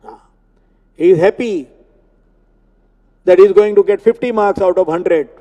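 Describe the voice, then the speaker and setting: A man giving a spiritual discourse on scripture, explaining Sanskrit words slowly and repeating terms. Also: high voice, highs cut off. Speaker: Gita teacher. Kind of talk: religious discourse. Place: temple hall. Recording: long hall reverb.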